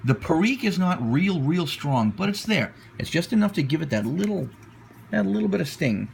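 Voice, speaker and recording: A man's voice: on the high side, very animated, normal speed, vocal fry, darkish tone. A man giving a casual, unscripted product review as a reviewer, hesitant and often repeating himself as he searches for words. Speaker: pipe tobacco reviewer. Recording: noticeable background noise.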